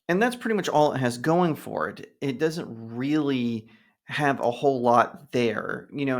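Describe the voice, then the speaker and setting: Chatty man giving pop-culture opinions. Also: medium pitch. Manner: animated storytelling, acts out other people with a raised voice. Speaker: YouTube commentator. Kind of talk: casual opinion monologue.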